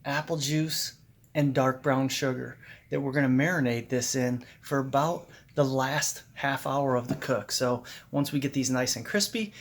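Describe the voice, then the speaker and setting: A man hosting his own cooking video, chatty and upbeat, talking through each step at an outdoor grill. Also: mid-range voice. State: eyes runny from grill smoke. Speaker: cooking channel host. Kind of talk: casual cooking how-to vlog.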